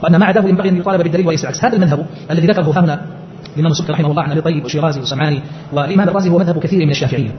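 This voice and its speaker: Man lecturing really fast, a bit high, muffled lo-fi recording. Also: crowd noise. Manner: quick scholarly explanation, rhetorical questions. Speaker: teacher. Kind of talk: explaining a text.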